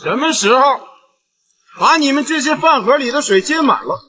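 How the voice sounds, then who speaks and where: An actor playing a stern squad leader barking orders at recruits in a TV army drama. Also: male voice, very high voice, animated, moderate pace, sharp tone, exaggerated voice. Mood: scolding. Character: stern male drill squad leader, harsh.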